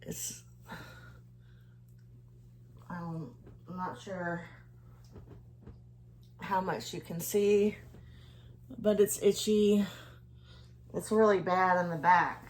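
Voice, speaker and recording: A woman's voice: fairly low pitch, fairly even intonation, extremely slow, long pauses, a little hiss or hum, low-quality recording. A woman chatting casually to camera as a vlogger, in a hesitant, rambling way that trails off.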